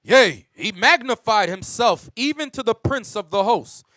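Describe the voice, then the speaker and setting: A man's voice: sits high, unhurried, no room sound. A man reading Bible verses aloud on cue during a class. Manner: steady recitation of verses on cue. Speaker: scripture reader in a Bible class.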